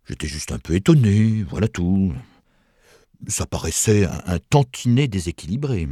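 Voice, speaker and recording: A man's voice: low-pitched, lively intonation, normal speed, mellow, husky, dry recording, studio quality. A man reading an audiobook, speaking as onlooking frontier men who comment in a wry, ironic way. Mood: placating. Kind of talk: audiobook character voice.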